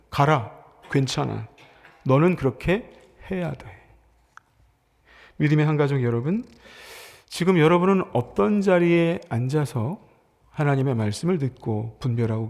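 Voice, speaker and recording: A man preaching a sermon as pastor, earnest, slowing down and sinking to a whisper to stress his points. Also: fairly high pitch, creaky. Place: church sanctuary. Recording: long reverb of a church sanctuary.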